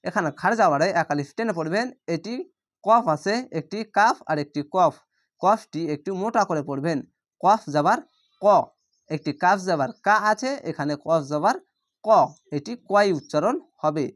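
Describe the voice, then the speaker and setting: A man teaching Quran reading, patiently spelling out each letter and vowel mark and then drawing out the Arabic words slowly. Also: high-pitched, lively intonation. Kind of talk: spelling-out Quran recitation lesson.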